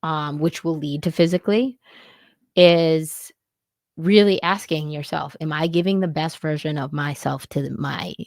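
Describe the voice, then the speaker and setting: A woman's voice: sits low, steady tone, a little slow, no room sound, studio quality. A woman co-hosting a podcast, talking about marriage in an earnest, reflective way with loose, easygoing phrasing. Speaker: podcast co-host. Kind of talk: candid casual chat about marriage.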